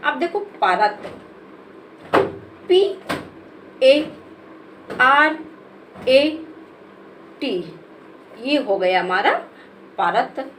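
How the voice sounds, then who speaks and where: A woman teacher, spelling out words letter by letter in a slow, patient lesson for children. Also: high-pitched, lively intonation, noisy background. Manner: patient, spells letters one by one, calls listeners "beta".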